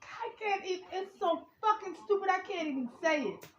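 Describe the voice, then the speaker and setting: High-pitched lady going off, cussing a lot, roomy kinda dull audio. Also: normal speed, a little hiss or hum. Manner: profane, incredulous, animated. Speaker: vlogger reacting to a radio advice segment. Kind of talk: casual reaction rant. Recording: roomy, slightly dull home recording.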